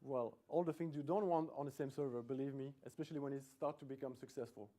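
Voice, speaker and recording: In a lecture hall, a middle-aged man from Belgium delivers a conference talk in a Belgian accent, chatty and self-deprecating. His medium-pitched voice is steady and mellow, and he goes at a quick pace, often backing up to restart sentences.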